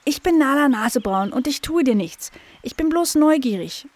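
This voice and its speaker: Woman voicing a curious female dog, high and bright, eager and pleading, storybook audio. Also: expressive, a little fast, no echo.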